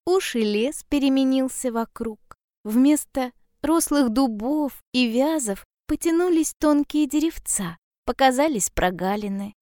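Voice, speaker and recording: A woman reading a fairy tale aloud in a calm, measured storytelling manner. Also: sits high, no echo, clean studio sound.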